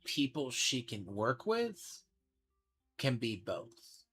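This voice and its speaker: A man's voice: mid-range voice, wildly swooping pitch, slow pace, a bit bright, breathy edge. A man giving casual game commentary, rambling and thinking aloud as he speculates. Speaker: gaming streamer. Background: game music.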